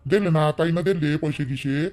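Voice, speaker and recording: A man playing a cornered younger brother-in-law who pleads and apologizes in a low voice. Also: normal speed, darkish tone, natural voice. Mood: pleading.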